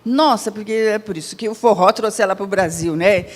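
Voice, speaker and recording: A woman's voice: medium pitch, moderate pace. Brazilian woman lecturing in a reverberant hall. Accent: Brazilian Portuguese. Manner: conversational, asks the audience questions, frequent "né?"; acts out quoted dialogue in her own voice. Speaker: lecturer at a spiritist center. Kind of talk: spoken public lecture.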